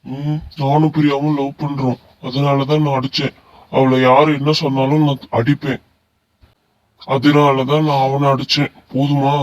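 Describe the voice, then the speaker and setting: A man voicing an aggressive, possessive young man in an animated story, talking bluntly and threateningly. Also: mid-range voice, unhurried, dull audio, lightly acted.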